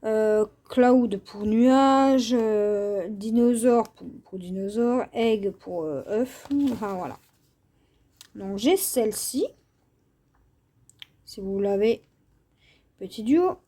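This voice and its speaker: Slow, mellow-voiced woman vlogger. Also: medium pitch, animated. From France. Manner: unhurried, hesitant with many fillers. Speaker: craft channel host. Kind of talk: casual show-and-tell vlog.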